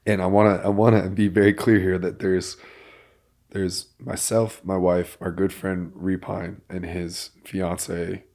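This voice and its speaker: A man hosting a podcast, telling a story in an animated way that builds to excited bursts. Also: sits low, measured pace. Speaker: podcast host. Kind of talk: casual chat.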